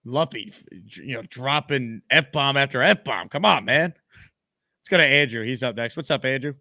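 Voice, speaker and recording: A man's voice: mid-range voice, expressive, moderate pace, bright, forceful tone, no room sound, clean studio sound. A man hosting a live sports call-in show.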